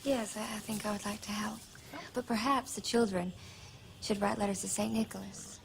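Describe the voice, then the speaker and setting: A woman plays a gentle frontier townswoman in a period film. Her thoughtful voice has noticeable fry, recorded with clear ambient noise around it. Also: medium pitch, steady tone, moderate pace, close to an everyday voice. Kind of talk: period western film acting.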